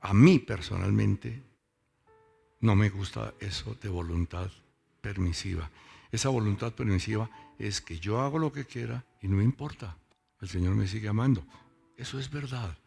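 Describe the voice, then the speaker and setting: Low gravelly pastor preaching. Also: male voice, normal speed, darkish tone, faint music behind. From Boyacá, Colombia. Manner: conversational, asks the congregation questions. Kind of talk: sermon. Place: church service with congregation.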